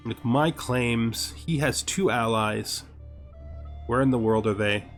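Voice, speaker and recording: A man hosting a gaming series speaks slowly at a medium pitch, with background music underneath. In casual commentary on a video game, he wonders aloud with rhetorical questions, lets out exasperated asides and occasionally reads the game's text.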